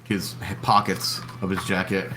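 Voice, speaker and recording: A man's voice: low voice, little pitch movement, moderate pace, sharp tone, a little hiss or hum. A man playing in a tabletop game, joking and laughing often in casual role-play. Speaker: player.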